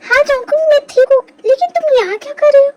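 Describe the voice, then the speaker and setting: A woman's voice: extremely high pitch, quick pace, dull audio. A woman voicing an emotional young woman just out of a coma in a fan dub drama, speaking insistently. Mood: surprised.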